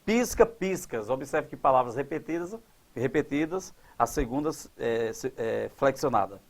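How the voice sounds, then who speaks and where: A man teaching grammar at a board, quizzing his class and drawing out example words slowly. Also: mid-range voice, animated. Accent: Brazilian Portuguese. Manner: didactic, asks the class questions and answers them.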